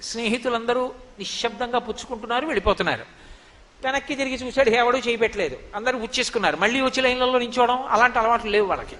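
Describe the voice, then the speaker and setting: A male preacher telling devotional stories in an animated, lively way. His voice is very high and bright. A long hall reverb follows each phrase. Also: very fast, a little hiss or hum. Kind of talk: devotional storytelling discourse.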